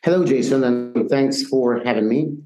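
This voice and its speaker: A middle-aged man with a Ukrainian accent, speaking haltingly and matter-of-factly as a guest in a remote interview from a shelter. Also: mid-range voice. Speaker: interview guest, soldier and communications manager. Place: bomb shelter. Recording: roomy, echoing remote connection.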